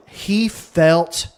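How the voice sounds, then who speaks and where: A man co-hosting a podcast, casually retelling a guest's story in an animated way. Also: a little high, creaky. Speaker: podcast co-host. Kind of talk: casual chat.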